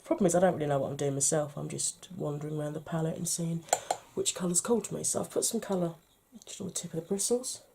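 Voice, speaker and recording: A British woman talking through a makeup tutorial, chatty and playful, often dropping to a soft murmur. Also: deep voice, fairly even intonation, fast, vocal fry, hardly any pauses, background noise. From United Kingdom. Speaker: beauty vlogger.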